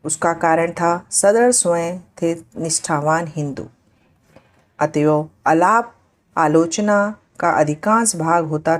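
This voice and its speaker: A woman storyteller narrating a literary tale in a measured, formal way. Her voice sits a little low and she reads very slowly, giving each phrase room.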